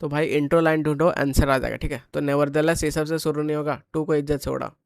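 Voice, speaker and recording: A male exam tutor with an Indian English accent and a fairly high voice, switching into casual Hinglish between questions. He reads the English sentences aloud slowly before breaking them down. The recording is dry and close, with almost no room sound. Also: fairly even intonation, vocal fry, no room sound, rough recording. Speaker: exam coaching teacher. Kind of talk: exam paper solution lesson.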